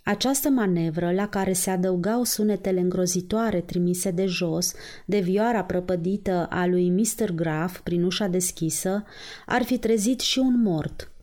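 A woman narrating a novel as an audiobook in a measured storytelling manner. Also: on the low side, dark tone.

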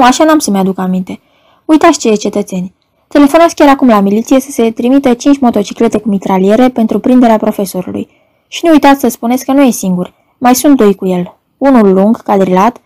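A wild young man, a poet, frantic and shouting, as a woman puts him on in an audiobook. The voice is pitched up and mellow, never calm for long. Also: dry recording, close to an everyday voice. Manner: frantic, raised voice. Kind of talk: audiobook character reading.

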